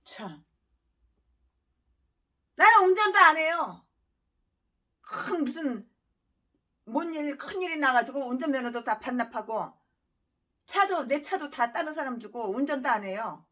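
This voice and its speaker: A woman pastor giving an expository sermon, ranting angrily with bursts of shouting and reading scripture slowly and emphatically. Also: high voice, lively intonation.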